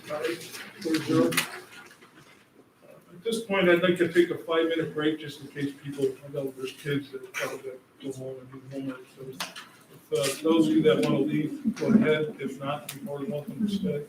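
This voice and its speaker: Board chair in a distant echoey room. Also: male voice, fairly high pitch, normal speed. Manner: procedural, relaxed. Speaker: board president chairing meeting. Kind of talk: chairing a public meeting. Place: large meeting room. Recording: echoey room far from mic, noise.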